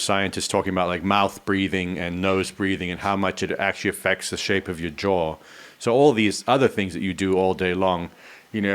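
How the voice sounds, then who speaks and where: A man co-hosting a casual studio podcast, musing through half-serious questions. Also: fairly low pitch. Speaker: podcast co-host.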